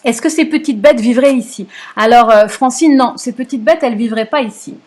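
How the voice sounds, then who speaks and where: A woman's voice: a little high, brisk, a little mellow. A middle-aged woman, hosting a yarn shop's live stream in a chatty way, full of hesitations and self-corrections while she answers viewer comments. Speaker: yarn shop host.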